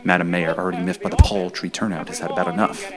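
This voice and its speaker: A man's voice: low-pitched, flat delivery, fast talker. A man narrating his own documentary in a dry, wry, mock-serious voiceover.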